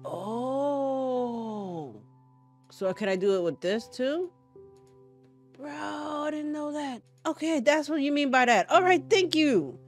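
Excitable woman gamer yelling at monsters. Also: sits high, slow pace, faint music behind. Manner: loud, excitable, yelps and swears at enemies; talks to the game creatures and her viewers. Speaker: gaming channel host. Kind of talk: casual gameplay commentary.

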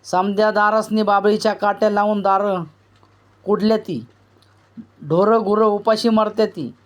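An anxious village messenger speaks in rustic dialect, voiced by a male narrator of a novel. The voice sits fairly high and keeps a plain storybook reading tone. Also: steady tone, normal speed, natural voice. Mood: worried. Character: anxious village man bringing bad news.

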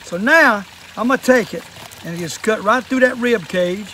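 An older Southern American man with a notably high voice for a male speaker. He has the folksy, plainspoken way of an old fisherman showing how a job is done. He is recorded outdoors, with clear background noise around his voice. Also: normal speed, pushed and bright. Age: older, 60s or above. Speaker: fishing and fish-cleaning demonstrator. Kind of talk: casual hands-on how-to demonstration. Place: outdoors in a wooded yard at a table.

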